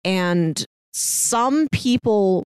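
A medium-pitched woman talks very slowly and smoothly with lively intonation on a dry recording. As a podcast co-host offering recommendations, she chats casually about films, books and audio dramas, retelling stories and acting out imagined dialogue.

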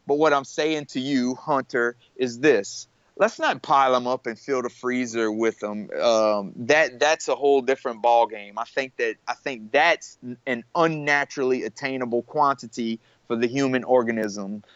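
A man's voice: mid-range voice, normal speed, few pauses, a bit bright, clean tone, no room sound, muffled recording. A man talking casually on a podcast, rambling with many restarts and fillers. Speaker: podcast guest. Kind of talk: casual conversation.

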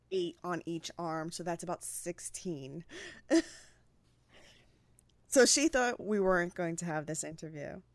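A woman's voice: lowish voice, fairly bright tone, no room sound. A woman from New York and Puerto Rico, co-hosting a podcast and chatting in a self-deprecating way. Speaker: podcast co-host. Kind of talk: casual chat.

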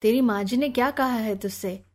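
A reserved, courteous young man from an audiobook novel, speaking in formal, measured phrases, as a woman reader voices him in her own fairly high voice. The delivery stays close to the reader's natural tone. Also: natural voice. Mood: apologetic.

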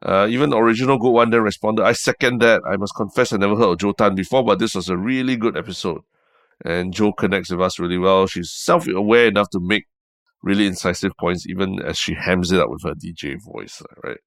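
A man's voice: deep voice, a little fast, a bit bright, dry recording, studio quality. A man with a Singaporean accent chatting casually as co-host of a podcast. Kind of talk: casual chat.

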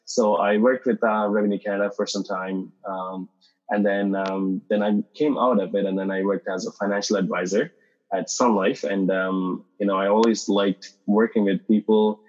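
Low-voiced founder from Sri Lanka. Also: male voice, level tone, normal speed, darkish tone, highs cut off. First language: not English. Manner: hesitant, many fillers and restarts. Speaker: guest, startup founder. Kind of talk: podcast interview.

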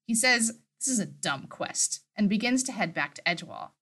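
A woman's voice: medium pitch, animated, moderate pace, pushed and bright. A woman co-hosting a podcast, reading and recapping a story with amused, chatty asides. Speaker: podcast co-host. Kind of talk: casual chat and story recap.

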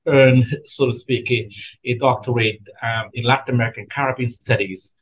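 A middle-aged man speaks as a professor being interviewed. He pauses often and fills the gaps with ums and restarts. His pitch sits in a middling range. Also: steady tone, lo-fi sound. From Guyana. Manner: halting, many fillers and restarts. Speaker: history professor, guest. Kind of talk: interview answers.

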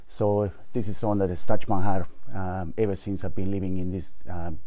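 A man from El Salvador, a guest who shares heartfelt thoughts and prays gently, with hesitant pauses. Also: sits low, fairly even intonation. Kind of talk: testimony and spoken prayer. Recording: soft music underneath.

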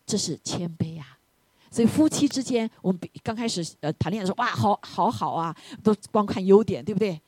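A woman preaching a sermon to her congregation with a husky, slightly breathy voice. Her pitch swings widely as she presses her listeners with repeated questions, and she sometimes sinks to a soft near-whisper for emphasis. The sound is dry and close. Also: a little fast, no room sound. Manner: animated, keeps asking the congregation "right?".

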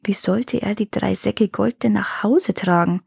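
A woman narrating a fairy tale in calm, measured scripted storytelling. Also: medium pitch, gravelly, husky, dry recording, studio quality. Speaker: storyteller reading fairy tales.

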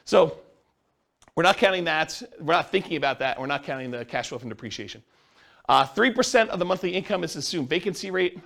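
A man's voice: fairly high pitch, expressive, a little fast, creaky, fairly bright tone. A man teaching a class, explaining step by step and asking the class questions. He says he is losing his voice. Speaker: real estate instructor.

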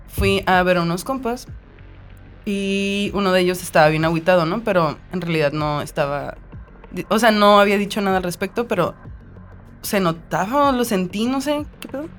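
Podcast host, woman, Mexican accent, mid-pitched, animated storyteller who slips into the voices she quotes; faint music under her. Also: moderate pace. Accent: Mexican Spanish. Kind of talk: casual chat.

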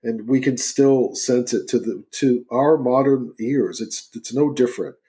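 A man's voice: mid-range voice, measured pace, dark tone. Man hosting a thoughtful conversation. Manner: affirming, asks clarifying questions. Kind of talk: casual conversational interview.

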